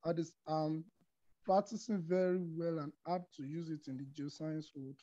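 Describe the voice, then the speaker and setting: A man's voice: on the high side, steady tone, moderate pace, mellow. Student man on muffled call audio. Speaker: student participant. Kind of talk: asking a question on a call. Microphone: video call.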